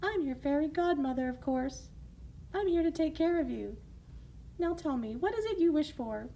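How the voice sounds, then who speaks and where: Woman playing kindly storybook fairy godmother, reassuring, raised pitch, lilting intonation. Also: expressive, moderate pace, gravelly, warm tone, slight background noise.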